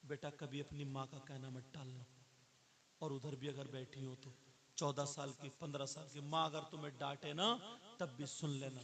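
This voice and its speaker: A male preacher telling a moral story in a sermon, acting out the characters' lines and building to loud pleading cries. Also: fairly high pitch.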